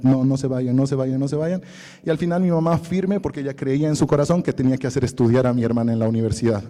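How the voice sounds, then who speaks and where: Bolivian guy preaching a testimony, mellow low-key voice, big echoey church hall. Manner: storytelling, quoting family in his own voice. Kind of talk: sermon testimony.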